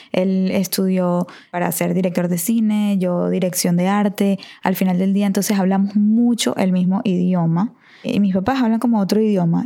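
Woman in her 30s, podcast co-host, chatty, warm low-toned voice with vocal fry. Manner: chatty, quick to laugh. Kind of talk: casual podcast chat.

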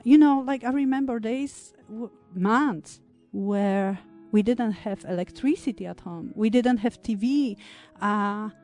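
A Polish woman in her thirties speaks English as a guest in a conversational interview. Her voice is a little high and mellow, and she talks reflectively, with many pauses and fillers.

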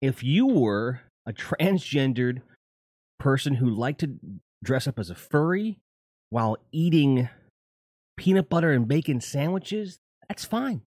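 A middle-aged man hosts a livestream, chatting casually with viewers in a rambling, profane way. His pitch sits in the middle range. The sound is dry and close, with no room echo. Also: very animated, unhurried, a little mellow, husky. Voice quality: profane, rambling, self-correcting. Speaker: livestream host. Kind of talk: casual chat.

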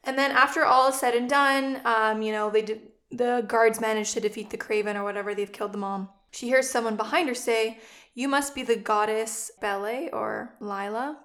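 A young woman casually recapping a book's plot to a co-host, in a relaxed storytelling way. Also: on the high side, moderate pace.

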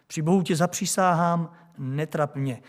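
A preacher voicing a possessed man who pleads in a low, hushed voice. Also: natural voice. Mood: hushed pleading. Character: possessed man crying out in dread.

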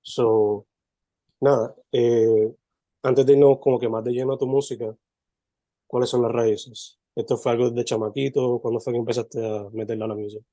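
A man's voice: medium pitch, moderate pace, no room sound. Laid-back man hosting a podcast. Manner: relaxed, loose, code-switching between languages. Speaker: podcast host. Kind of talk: casual interview, mixing Spanish and English.

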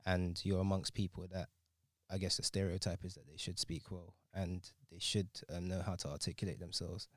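A man's voice: low voice, steady tone, moderate pace, few pauses, dry recording, studio quality. A young man, speaking casually in a group discussion.

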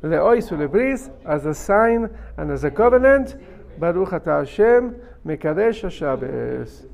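A man's voice: fairly high pitch, big pitch swings, unhurried, gravelly, darkish tone. A man teaching a religious class as a rabbi, emphatically reading and translating a text phrase by phrase and explaining it step by step.

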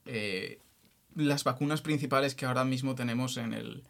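A man's voice: mid-range voice, fairly even intonation, normal speed, gravelly. Joking man explaining science. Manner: jokey, restarts often while explaining. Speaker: podcast host explaining science. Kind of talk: casual explanatory chat.

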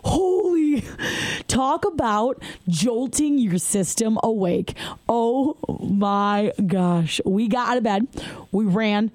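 A podcast host from Michigan chats candidly on her own show, laughing now and then while sharing a personal story. Her voice is medium-pitched and a little mellow, her pace slow, and the recording is dry.

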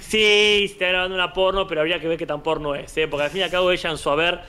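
A high-pitched man with an Argentine accent co-hosts a podcast. He chats loosely and jokes, leaning on filler words as he thinks aloud. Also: steady tone, racing, sharp tone, clear, resonant tone. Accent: Argentine Spanish. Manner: chatty, joking, often uses filler 'este'. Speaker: podcast co-host. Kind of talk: casual chat.

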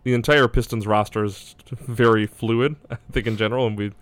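Low, even-toned man talking basketball. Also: brisk. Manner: hedging, thinking aloud. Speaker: basketball draft analyst. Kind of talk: casual sports discussion.

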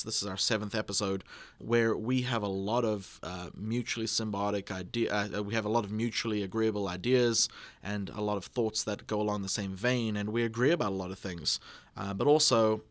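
A man's voice: fairly low pitch, fairly even intonation, brisk, no room sound. A man co-hosting a casual podcast, talking in a rambling way with restarts and laughs. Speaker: podcast co-host.

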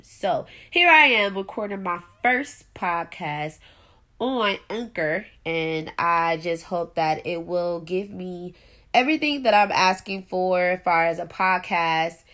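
A woman's voice: lowish voice, a bit bright. A woman in her thirties, a podcast host from Buffalo, New York, talking casually and rambling on her own show, nasal and congested from allergies. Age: 30s. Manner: chatty, rambling, laughs often. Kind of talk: casual solo podcast monologue.

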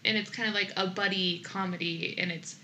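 A woman's voice: mid-range voice, steady tone, fairly quick, sharp tone, a little hiss or hum, rough recording. A young woman co-hosting a podcast, chatting casually about a movie with lots of filler words. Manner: chatty, many "like" fillers, laughs often. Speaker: podcast co-host.

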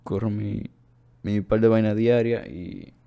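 A young man with a low voice and a clear Dominican accent. He chats casually, as among friends on a podcast, in street slang with bits of English dropped in. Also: fairly even intonation, unhurried, warm tone. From Dominican Republic. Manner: slangy, with English words mixed in. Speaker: podcast co-host.

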